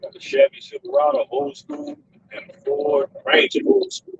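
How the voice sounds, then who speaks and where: A man's voice: very high voice, huge pitch swings, normal speed, creaky, distant mic, muffled recording, slight background noise. A man vlogging live from his car, talking casually and calling on his viewers to reply. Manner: chatty, keeps calling on viewers. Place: in a car while driving.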